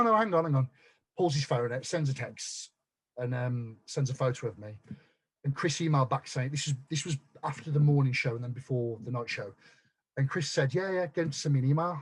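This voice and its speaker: A man telling his story as a guest on a podcast, blunt and quick to swear, tripping over restarts. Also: mid-range voice, darkish tone, husky. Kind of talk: casual chat.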